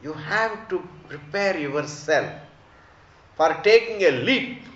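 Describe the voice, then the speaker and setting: Indian-accented male spiritual teacher, very unhurried and didactic, repeats for emphasis; reverberant room. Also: on the high side, expressive, fairly bright tone, a little hiss or hum. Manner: emphatic repetition, rhetorical questions, didactic. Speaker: spiritual teacher giving scripture discourse. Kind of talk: religious discourse. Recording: echoey room, slightly dull sound.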